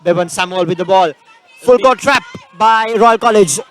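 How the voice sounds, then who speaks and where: High-voiced male basketball play-by-play caller. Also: a bit bright, a faint crowd. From Sri Lanka. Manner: rapid play-calling with frequent fillers. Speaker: basketball commentator. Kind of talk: live sports play-by-play.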